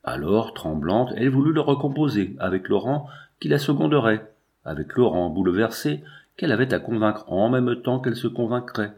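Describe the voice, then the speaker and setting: A man reading a novel aloud as narrator, in a measured, even way. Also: lowish voice. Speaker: audiobook narrator. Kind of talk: scripted literary narration.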